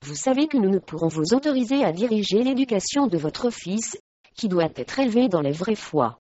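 A smooth, honeyed male priest, read by a woman in a storybook, coaxing and mild while he presses his threats. The recording is dry and a little muffled. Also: mid-range voice, very animated, normal speed, mellow, no echo. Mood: menacing. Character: suave honey-voiced male abbot, threatening.

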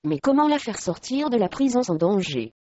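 A woman narrating a historical storybook in a steady, measured reading voice. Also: mid-range voice, dry recording, highs cut off.

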